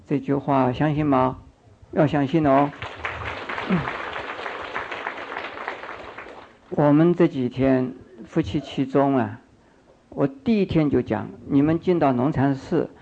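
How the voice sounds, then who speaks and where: An older Buddhist monk and teacher delivers a sermon in a slightly high, creaky voice, coaxing his listeners with repeated phrases and questions. The recording is dull and lo-fi.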